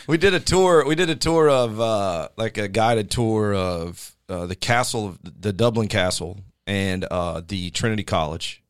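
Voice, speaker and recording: A man's voice: on the low side, a little slow, smooth, no echo, clean studio sound. A middle-aged man hosting a casual podcast chat, joking and rambling, with a habit of telling puns.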